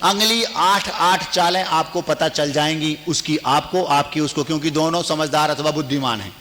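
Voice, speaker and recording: Man, monk, sermon, humorous, lively, acts out dialogues, bright tone, reverberant hall. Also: fairly high pitch, normal speed. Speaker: Jain monk preacher.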